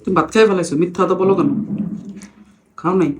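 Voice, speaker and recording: A woman's voice: lowish voice, fairly even intonation, fast talker, darkish tone. A woman with a Bangladeshi accent chatting casually over a meal, talking with her mouth full as she eats. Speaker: vlogger. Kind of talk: casual mealtime chat.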